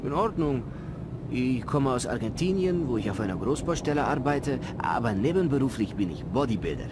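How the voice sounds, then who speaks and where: A man's voice: medium pitch, big pitch swings, a little fast, very noisy, lightly acted. A man voicing a cocky Argentine bodybuilder in a fan-dubbed adventure game, jovial and teasing, with Spanish phrases dropped in. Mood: friendly.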